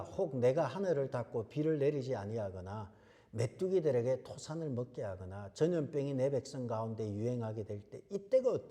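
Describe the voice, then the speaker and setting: Male pastor, emphatic Sunday sermon, rhetorical questions; mellow tone, long church reverb. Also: medium pitch. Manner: emphatic, repeats key phrases, asks rhetorical questions. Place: church sanctuary.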